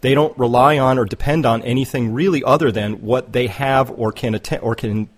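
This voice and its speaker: A man's voice: mid-range voice, steady tone, fairly quick. A man hosting an interview, chatty, telling a long anecdote with many restarts. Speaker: interview host. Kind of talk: conversational interview.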